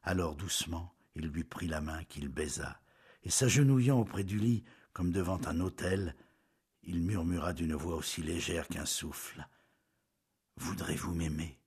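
A man reading a novel aloud in scripted narration, measured and intimate, often dropping to a hush. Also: low-pitched, husky.

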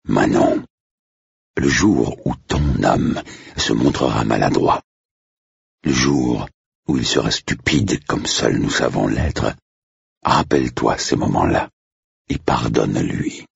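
A wise, fatherly gentleman, voiced by the male narrator in a storybook reading, very deep and gravelly. He speaks slowly and gently, husky and dry on a dull recording. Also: animated, no echo, full character voice. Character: wise, dryly amused man of the house.

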